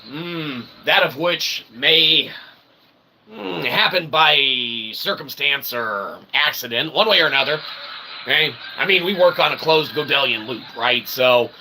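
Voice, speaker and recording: The audio is poor, with a little hiss or hum, as a sharp-toned, medium-pitched man hosts an improvised livestream. He rambles to viewers in wordy, mock-formal, roundabout phrases, often tagging sentences with "okay" and "right" and adding theatrical playful asides.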